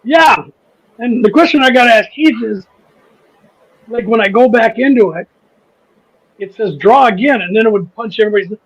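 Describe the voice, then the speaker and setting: A man's voice: high-pitched, fairly quick, long pauses, breathy edge, poor audio. A man with a Midwestern accent hosting a casual livestream chat, rambling, restarting sentences and laughing easily. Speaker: host of a model railroad channel.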